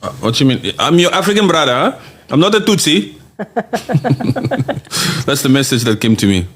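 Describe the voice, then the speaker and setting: The man's voice is fairly high and slightly rough, with a moderate pace. As podcast host he keeps things casual, reads listener comments out loud, and stays animated and emphatic, often laughing and repeating lines for effect.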